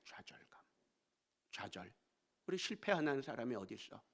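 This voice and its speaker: A male pastor preaching a storytelling sermon in a church. He swings between hushed asides and emphatic exclamations. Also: medium pitch. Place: church sanctuary.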